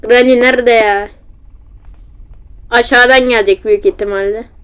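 A young-sounding woman with a slightly high voice chats through a horror game in a casual Turkish-accented ramble. She sounds flustered and pokes fun at herself while talking into a facecam mic at home. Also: steady tone, normal speed, smooth. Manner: chatty, self-mocking, easily flustered. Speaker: gamer playing a horror game. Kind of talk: casual gameplay commentary. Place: at home, seated. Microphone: facecam with built-in mic.

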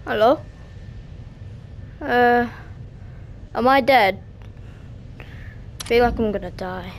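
A woman's voice: a little high, very slow, a little hiss or hum. A woman giving casual, jumpy commentary as she plays a horror game, taunting and swearing at it. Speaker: gamer playing a horror game.

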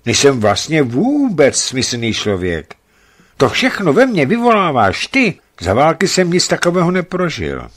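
A man's voice: on the high side, wildly swooping pitch, fairly bright tone, pitched above the performer's own voice, full character voice. A man reading the lines of an earnest young naval officer in love in a novel reading. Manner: earnest, serious. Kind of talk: audiobook reading.

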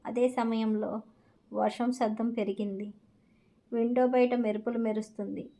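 A woman's voice: fairly high pitch, flat delivery, a little slow, dark tone, rough recording. A woman narrating a dramatic love story in short, scripted sentences.

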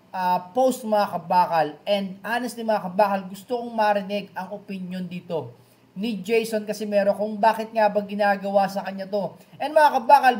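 A boxing news vlogger reads comments aloud and reacts with chatty, dramatic exclamations, peppering his lines with a nickname for his fans. His voice is high-pitched with a darkish tone.

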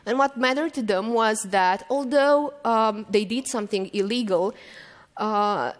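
A keynote speaker in her thirties, with a fairly high-pitched voice, gives an unhurried conference talk at a lectern stand mic on stage. Long reverb fills the hall as she relaxes into her stories, with frequent ums and small restarts.

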